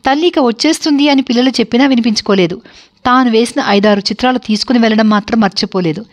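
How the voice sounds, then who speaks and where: A woman narrating a family story for an online video in a calm, steady manner. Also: a little high, fast talker.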